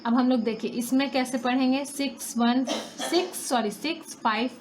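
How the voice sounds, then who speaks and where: A woman's voice: high-pitched, steady tone, normal speed. A young woman from India teaching a math lesson, patiently counting through place values and answering her own questions. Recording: faint background noise.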